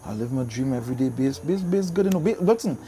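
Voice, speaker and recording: A man in his fifties with a Trinidadian accent speaks at medium pitch and a quick pace, chatting casually as an interview guest. He's a soca singer and DJ, emphatic in delivery and prone to repeating his phrases. Steady background noise runs under the recording.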